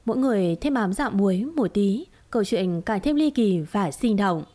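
A woman reading a romance drama story aloud in a steady, dramatic storytelling manner. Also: mid-range voice, moderate pace. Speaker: narrator. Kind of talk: scripted story narration.

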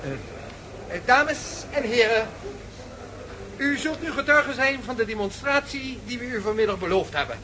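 The audio is poor, with a little hiss or hum, as a man with an extremely high voice acts in a Dutch radio play at a moderate pace. His role is a passionate, resolute professor pushing a revolutionary theory, delivered in a solemn, formal, emphatic declaiming style.

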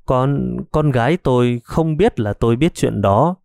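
A man's voice: mid-range voice, expressive, measured pace, a little mellow, no room sound, close to an everyday voice. A man voicing a frightened elderly mother who stammers and hesitates, in an audiobook story.

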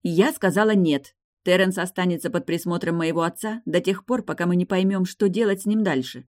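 A woman reading an audiobook, voicing a stubborn, sharp-tongued young woman who talks in firm, clipped phrases. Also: lowish voice, fairly quick, dry recording, clean studio sound, pitched above the performer's own voice, natural voice. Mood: defiant.

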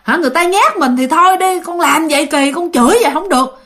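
A woman's voice: very high voice, quick pace, fairly bright tone, pitched above the performer's own voice. A woman doing an anxious old Southern mother. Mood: worried. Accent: Southern Vietnamese. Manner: anxious, reproachful. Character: worried elderly mother scolding her daughter.

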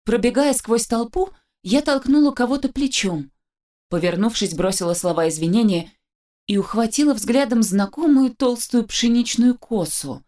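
A woman narrating a first-person story as an audiobook reader, with lively storytelling and a dry wit. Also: on the high side, moderate pace.

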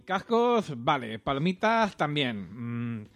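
A man's voice: fairly high pitch, animated, fairly quick, dry recording. A man with a Spain Spanish accent co-hosting a podcast with casual, playful banter and section introductions. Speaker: podcast co-host.

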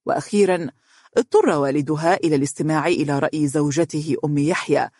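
A narrator reading a novel in a steady, measured storytelling manner. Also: mid-range voice, no room sound, studio quality. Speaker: audiobook narrator.

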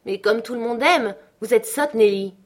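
A woman's voice: fairly high pitch, normal speed, voice pushed up, close to an everyday voice. A woman voicing a capricious, petulant young woman in an audiobook, pleading and insistent. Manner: urgent and insistent. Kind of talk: audiobook character reading.

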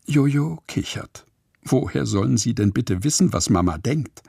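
Husky man, playful storybook narration, gravelly, lively. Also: mid-range voice, a little slow, no echo, studio quality. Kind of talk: children's story reading.

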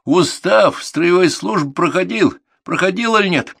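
A man voicing a gruff, shell-shocked male military instructor who barks commands at schoolboys in a storybook reading. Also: mid-range voice, expressive, unhurried, no room sound, clean studio sound, voice pushed up. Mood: angry, scolding. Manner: barking, shouted commands.

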